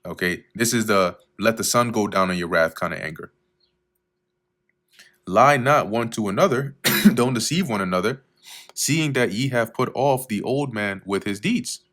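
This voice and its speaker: A Bible teacher goes verse by verse through scripture, reading each verse slowly before explaining it casually with fillers. His voice is fairly low in pitch and a bit bright, and he often clears his throat.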